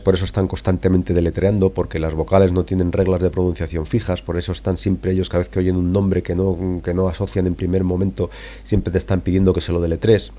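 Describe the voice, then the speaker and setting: A man's voice: sits low, dark tone. A middle-aged man hosts a rambling, conversational podcast lesson and addresses his listeners directly. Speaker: podcast host and English teacher.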